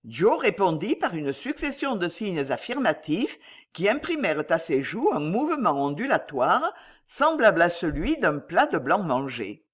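Unhurried woman reading a classic novel. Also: lowish voice, breathy edge. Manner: measured, expressive reading. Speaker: narrator.

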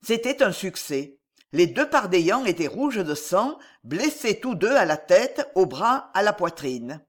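An audiobook narrator reading a historical adventure novel aloud with expressive, dramatic narration. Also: medium pitch, unhurried.

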